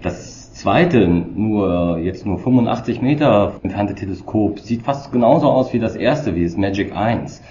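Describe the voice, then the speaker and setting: Male interviewer over a low-quality stream. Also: expressive, warm tone. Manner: measured, asking questions. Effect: low-quality stream with degraded sound. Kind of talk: interview questions. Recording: dull, roomy, noisy lo-fi recording.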